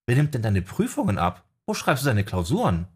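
A man voicing a sharp-tongued, critical young female necromancer in an audiobook. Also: medium pitch, huge pitch swings, breathy edge, full character voice. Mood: incredulous. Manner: critical, quick to correct. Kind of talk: audiobook character voice.

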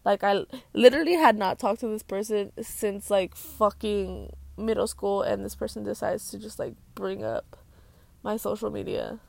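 A young woman YouTuber vents to camera in a casual storytime rant, swearing freely and mimicking people with "blah blah." Her mid-range voice is animated, creaky, and darkish, at normal speed, with no echo.

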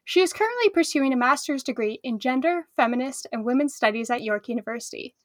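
Woman host, high pitch, measured scripted delivery, dry sound. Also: lively intonation, dry recording. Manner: clear, measured reading. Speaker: podcast host. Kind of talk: scripted introduction and interview.

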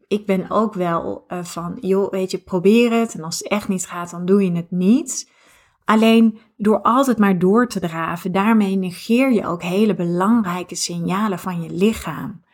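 A woman in her thirties talks through her podcast in a relaxed, reflective monologue. She thinks out loud, with frequent fillers and restarted phrases. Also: medium pitch. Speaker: podcast host.

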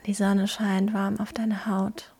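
Female meditation guide: hushed, husky-breathy near-whisper, gentle delivery with unhurried pauses. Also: medium pitch, little pitch movement. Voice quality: soft, breathy. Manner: gentle, hushed, slow pauses between phrases. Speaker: podcast host guiding a meditation.

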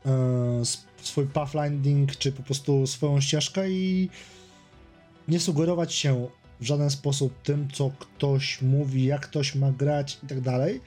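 A man on a casual podcast panel, explaining his view in a halting, deliberate way. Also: medium pitch, steady tone, warm tone, soft background music.

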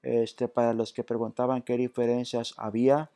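A man's voice: mid-range voice, little pitch movement, moderate pace, warm tone, clean tone, no room sound. A man presenting a tech tutorial, patiently walking through each step with hesitant restarts. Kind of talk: screen-reader app walkthrough.

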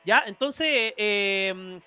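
A man's voice: sits high, extremely slow, sharp tone, smooth, soft background music. A man giving hesitant football analysis in a casual chat, with many fillers. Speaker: panelist.

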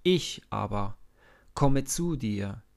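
A man's voice: on the low side, expressive, extremely slow, vocal fry, full character voice. A man voicing a fearless young shepherd boy who calls out boldly and defiantly in a storybook reading.

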